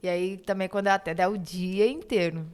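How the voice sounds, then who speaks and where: A woman's voice: medium pitch, fairly even intonation, a little fast, darkish tone, clean tone. A young Brazilian woman with a Brazilian Portuguese accent, telling a long personal story on a church podcast and quoting others in dialogue. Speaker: guest, eyebrow studio owner. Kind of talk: casual podcast chat.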